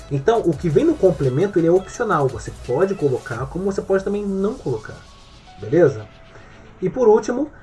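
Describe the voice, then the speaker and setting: A man's voice: fairly high pitch, a little mellow. A male English teacher giving an online grammar lesson in Portuguese, explaining step by step and often checking that the viewer is following.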